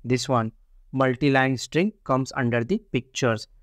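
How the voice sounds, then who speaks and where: In this screen-recorded coding lesson, a male programming tutor speaks at medium pitch and a measured pace. There's no echo; the audio is dry and close. His explanations are repetitive and step by step, peppered with "see" and "only."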